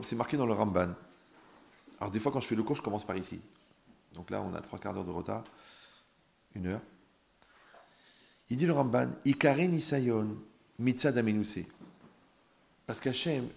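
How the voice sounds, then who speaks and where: A man, a rabbi, giving an animated Torah class, joking and speaking directly to his listeners. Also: lowish voice, normal speed, vocal fry, pauses often, a little hiss or hum. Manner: joking, talks straight to listeners.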